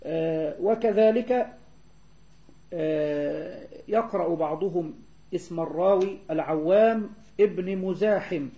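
A man gives a classroom lecture in a mellow, fairly high voice. He explains patiently and slows down to recite verses and spell out letters. The recording is dull and lo-fi. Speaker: teacher of hadith sciences.

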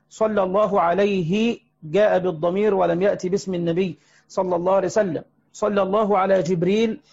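A man teaching a religious lesson, explaining a text step by step with frequent hesitant pauses. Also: sits high, vocal fry, darkish tone. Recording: muffled lo-fi recording.

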